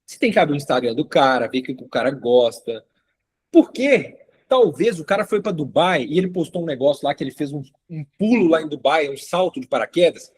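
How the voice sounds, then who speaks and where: Man, instructor, casual lecture, slightly higher voice, husky, conversational, asks the listener questions. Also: expressive, brisk. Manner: conversational, frequent tag questions and acted client dialogue. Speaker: course instructor. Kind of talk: casual online class lecture.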